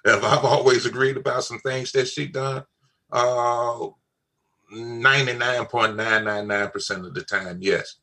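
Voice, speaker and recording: A man's voice: medium pitch, fairly even intonation, unhurried, pushed and bright. An older man, talking in a casual family chat, emphatic and repeating his key phrases. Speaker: father on a family talk show.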